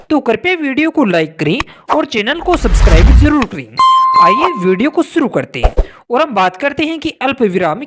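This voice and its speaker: A woman narrating a scripted grammar lesson, slowing down to spell out example words and sentences. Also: on the high side. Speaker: grammar teacher.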